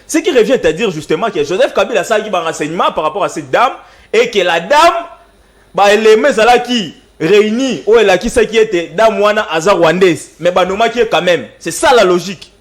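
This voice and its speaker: A man with a fairly high voice argues his case on a televised debate panel. He is insistent and keeps pressing his logic, switching between two languages mid-sentence. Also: lively intonation, a little fast.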